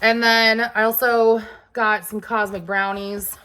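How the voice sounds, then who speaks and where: Speaking slowly in a slightly high, level voice, this Southern US woman sounds pushed and bright, with a clean tone. She's a grocery-haul vlogger, hot, sweaty and sniffly from allergies, rambling chattily through fillers and asides as she shows off her purchases.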